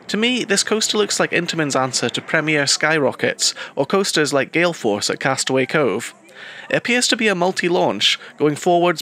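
Guy doing a dry coaster review voice-over, kinda high and bright, bit of faint hiss behind. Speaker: theme park reviewer. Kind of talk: scripted voice-over narration. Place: voice-over, not recorded at the pictured park.

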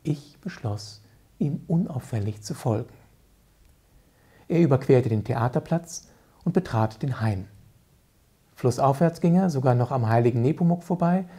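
Man with a warm voice reading a book aloud. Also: mid-range voice, lively intonation, normal speed, pauses often, breathy edge.

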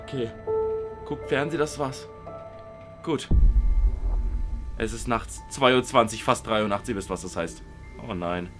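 A young man reacting to horror videos, animated and jokey, with mock fear and shouts at the screen. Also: fairly low pitch, unhurried, pauses often. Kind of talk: reaction commentary. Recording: music in the background.

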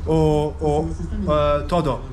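Higher-voiced Englishman, slow and casual. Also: level tone, a crowd in the background. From England. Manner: halting, broken Spanish mixed with English. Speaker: travel vlogger and barbershop customer. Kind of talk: casual chat. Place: small barbershop and street outside.

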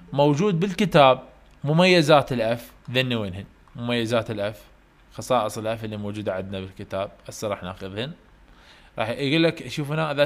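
A man with an Iraqi Arabic accent gives a university English lecture, reading English questions slowly and explaining them in Arabic. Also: mid-range voice. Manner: asks students questions and answers them himself. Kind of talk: online lecture.

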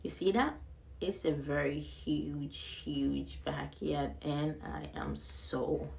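Woman, young adult, low pitch, vocal fry, excited, rambling, phone-camera house tour in empty rooms. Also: slow. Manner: excited, rambling, repeats words. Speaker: vlogger giving a house tour. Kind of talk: casual home tour narration. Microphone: handheld phone camera, filming.

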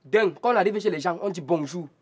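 An actor playing a cheeky younger brother who talks back and taunts. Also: male voice, high-pitched, a little fast, a little mellow, breathy edge. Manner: cheeky, provocative.

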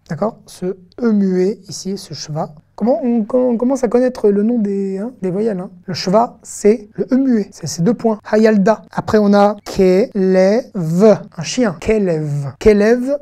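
A woman's voice: mid-range voice, dark tone. A woman teaching an online language lesson, patiently sounding out syllables and checking in with her students. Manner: patient, repeats sounds slowly, checks in with listeners. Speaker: Hebrew teacher.

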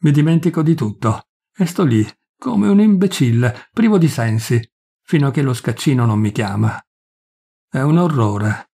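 A man's voice: mid-range voice, lively intonation, normal speed, gravelly, dark tone, husky. A man doing a poor, ashamed village priest. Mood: anguished. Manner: pleading, tormented, self-accusing.

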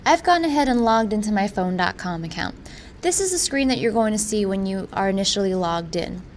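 Woman narrating a software walkthrough, mid-pitched. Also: animated, brisk, slight background noise. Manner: instructional, informal. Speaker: tutorial presenter.

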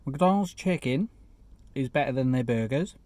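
A man in his parked car chats casually about a chicken burger he is eating, now and then talking through a mouthful. His voice sits at an ordinary middle pitch. He breaks off for quick, self-mocking asides. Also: animated, a little mellow, no room sound. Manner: chatty, eats while talking, self-deprecating asides. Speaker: food reviewer. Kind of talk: casual food review vlog. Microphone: phone camera.

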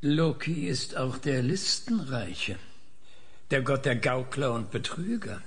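A skeptical man on a commission in an audio drama. His voice is mid-pitched. He speaks in a pointed, sardonic, needling way. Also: lively intonation, slow pace. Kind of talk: German audio drama acting.

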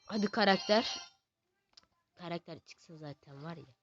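A male gaming host giving casual, excitable commentary while he plays, teasing the game characters and chanting words over and over. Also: on the high side, a little slow, faint music behind. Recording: slightly dull lo-fi recording.

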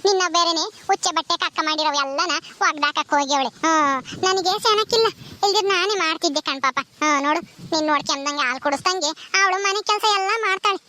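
Woman doing a shrill nagging village wife. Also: fast talker, pushed and bright. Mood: coaxing urgent. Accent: rural Karnataka Kannada. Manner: nagging, scolding, insistent. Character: ailing village wife, scolding, bossy. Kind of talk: village comedy skit.

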